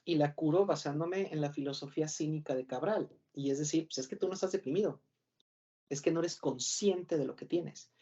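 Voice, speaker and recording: Mexican guy doing a mock lecture as the profe, rambly, keeps correcting himself, mellow voice, kinda muffled lo-fi audio. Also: a little high, brisk. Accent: Mexican Spanish. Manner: rambling and self-correcting, with rhetorical questions. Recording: dull lo-fi recording.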